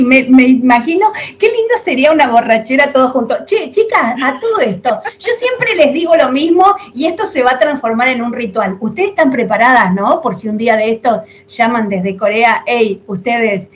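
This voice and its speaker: A woman's voice: high voice, moderate pace, slight background noise, rough recording. Chatty Argentine-woman host. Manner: chatty, affectionate, animated storytelling with asides. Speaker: podcast host. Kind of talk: casual chat.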